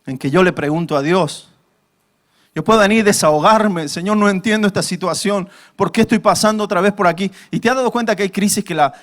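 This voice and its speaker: High-voiced male pastor preaching emphatically. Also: fairly bright tone. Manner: emphatic preaching with rhetorical questions to the congregation; acts out quoted pleas in a raised voice. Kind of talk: sermon.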